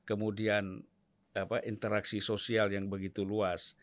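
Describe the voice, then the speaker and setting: A man hosting a casual interview, who speaks slowly and deliberately, with many hesitations. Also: fairly low pitch, flat delivery, no room sound. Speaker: host.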